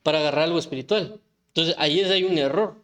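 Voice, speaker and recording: A man gives an informal sermon, his voice sitting a little higher than most men's. He talks conversationally, stopping to restart phrases and tossing out rhetorical questions to his listeners. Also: quick pace, fairly bright tone. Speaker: preacher.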